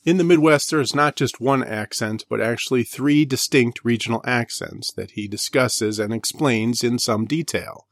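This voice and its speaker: Brief: man with an Inland North accent, even mid-pitched voice, measured book-review read. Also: no room sound. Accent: Inland North American. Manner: measured, slows down to sound out example words.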